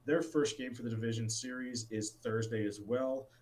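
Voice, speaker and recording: A man's voice: medium pitch, steady tone, normal speed, a little mellow, a little hiss or hum. Rambling man chatting sports. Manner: rambling, many fillers and restarts; enthusiastic about baseball. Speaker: podcast co-host. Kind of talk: casual sports chat.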